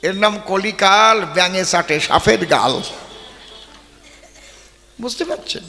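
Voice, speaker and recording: A man's voice: high-pitched, vocal fry, sharp tone. A male folk poet-singer giving a rhetorical stage speech on an open-air stage, often throwing questions at the audience. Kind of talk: stage debate speech with rhymes and verses. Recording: long hall-like reverb.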